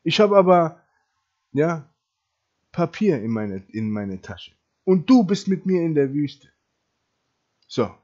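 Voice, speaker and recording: A man preaching emphatically to Christians, often asking "ja?" and repeating phrases, his loudness swinging widely. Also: on the high side, sing-song, takes it slowly, long pauses. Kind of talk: impassioned preaching to camera. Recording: dull lo-fi recording.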